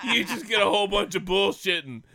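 A man's voice: sits high, fast talker, creaky, pushed and bright. A man hosting a sports podcast in crude, joking, boozy casual banter, swearing freely and prone to laughing. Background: laughing co-hosts.

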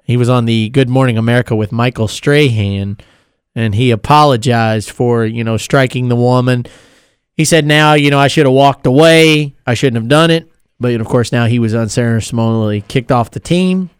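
A man's voice: medium pitch, normal speed, clean tone, no room sound, studio quality. A man co-hosting a casual sports talk show, laughing often as he gives his opinions.

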